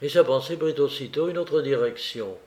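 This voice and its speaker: A man narrating a literary audiobook in a measured, deliberate way. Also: medium pitch, a little mellow.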